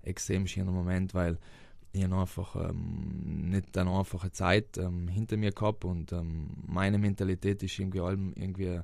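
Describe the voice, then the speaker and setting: A young footballer from South Tyrol, Italy, answers interview questions hesitantly, with many fillers and restarts, in a South Tyrolean German accent. His voice is low, gravelly and a little mellow, with fairly even intonation and normal speed, recorded dry.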